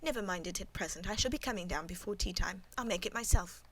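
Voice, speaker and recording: A woman reading the part of a guarded, composed middle-aged servant woman, speaking calmly and demurely in a storybook. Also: medium pitch, fast, a crowd in the background, lightly acted, rough recording.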